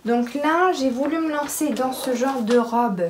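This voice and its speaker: A pregnant woman chatting casually to camera about her sewing, with many pauses and restarts. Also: sits high, slight background noise. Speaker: sewing vlogger.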